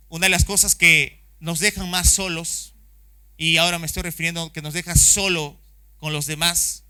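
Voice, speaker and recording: A man's voice: sits high, bright, forceful tone, clean tone. A man with a Chilean accent preaching a sermon at a church service, impassioned and acting out the voices of people he quotes. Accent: Chilean Spanish. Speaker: pastor.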